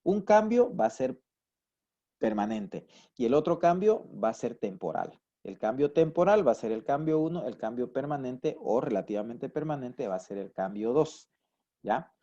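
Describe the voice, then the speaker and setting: A man's voice: mid-range voice, expressive, normal speed, dark tone, highs cut off. A man giving a psychology lecture who explains with everyday examples and keeps checking that his students follow. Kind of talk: recorded university lecture.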